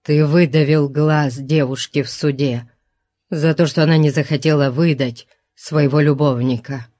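A woman's voice: lowish voice, slow pace. Woman voicing a cowering male steward. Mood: sullen. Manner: sullen, then pleading and hysterical. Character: frightened cringing middle-aged male steward. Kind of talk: audiobook reading.

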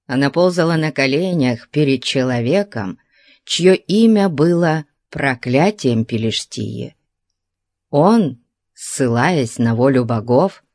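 Slow, low-voiced woman narrator. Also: a little mellow, no echo, clean studio sound. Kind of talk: scripted story narration.

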